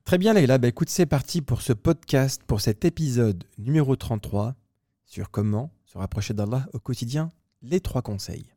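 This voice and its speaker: A man co-hosting a podcast, talking in a playful, teasing and animated way. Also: mid-range voice, normal speed, no echo, studio quality. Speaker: podcast co-host. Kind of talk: casual podcast chat.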